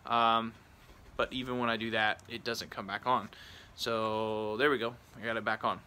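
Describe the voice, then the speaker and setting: Man, bright forceful voice, casual rambling gear review, backyard, faint ambient noise. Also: lowish voice, level tone, moderate pace. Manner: informal, rambling, self-interrupting. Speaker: product reviewer and vlogger. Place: outdoors in a backyard on a rainy evening.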